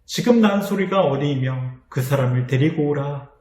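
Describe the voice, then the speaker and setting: A man voicing Jesus, solemn and gently questioning. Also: a little high, normal speed, distant mic, close to an everyday voice. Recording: echoey room.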